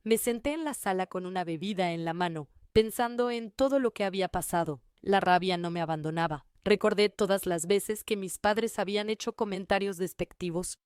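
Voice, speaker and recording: A woman reading a first-person family story in an even, measured way. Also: medium pitch, smooth, dry recording, studio quality. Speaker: narrator.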